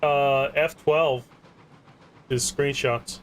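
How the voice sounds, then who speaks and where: A man's voice: medium pitch, steady tone, drawn-out words, slight background noise. A man playing along on voice chat, chatting in an easygoing way about the game. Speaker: co-player on voice chat. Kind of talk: casual gameplay chat.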